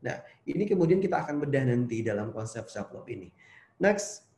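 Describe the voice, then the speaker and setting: A man's voice: mid-range voice, sing-song, brisk, a little mellow. A man, a psychologist, giving a conversational online seminar lecture to students and posing rhetorical questions. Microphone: video call. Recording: roomy echo.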